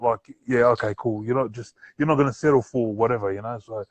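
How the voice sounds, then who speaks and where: A man's voice: medium pitch, fast talker, no echo, muffled recording. A man with a broad New Zealand accent hosting a casual interview, speaking in slangy, affirming phrases and often saying bro. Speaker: podcast host and interviewer. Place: remote live-stream call.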